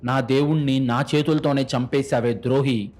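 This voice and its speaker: A man's voice: medium pitch, fairly even intonation, normal speed, a little mellow, lightly acted. A man voicing a betrayed young adopted son who speaks bitterly and mockingly, in a narrated crime story. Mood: enraged.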